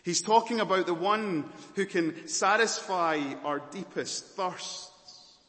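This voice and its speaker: A man born in Malawi who grew up in Scotland, preaching a sermon as pastor with dramatic pauses and rising swells. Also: high-pitched, fairly bright tone. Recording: long hall reverb.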